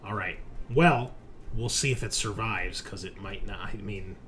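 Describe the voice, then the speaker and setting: A man with a lowish, fairly bright voice speaks a little slowly as he runs a tabletop roleplaying game, narrating the action and ruling on dice rolls. Music plays behind him throughout.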